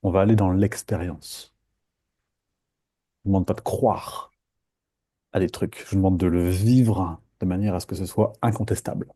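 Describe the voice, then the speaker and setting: A man leading a live meditation talk in a playful, lively way, acting out inner voices. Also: sits low, normal speed, long pauses, slightly rough. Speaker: meditation teacher.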